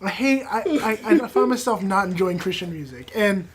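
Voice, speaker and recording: A man's voice: sits high, animated, moderate pace, crowd noise. A man co-hosting a casual podcast, joking and rambling, stumbling over his words. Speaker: podcast co-host. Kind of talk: casual chat.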